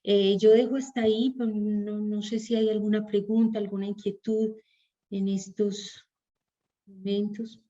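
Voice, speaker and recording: A woman with a Colombian Spanish accent lectures in a thoughtful, halting way, circling back as she builds each idea. Her voice is mellow and a little dull in tone, as over a lo-fi connection. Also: medium pitch, little pitch movement. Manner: thoughtful, hesitant, restarts phrases while reasoning aloud. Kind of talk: online psychoanalysis class lecture.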